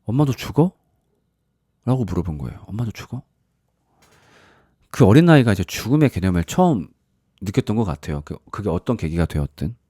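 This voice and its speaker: A man's voice: sits low, sing-song, quick pace, mellow, no room sound, studio quality. A man preaching a sermon in a conversational storytelling way, acting out the voices in the stories he tells. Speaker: pastor.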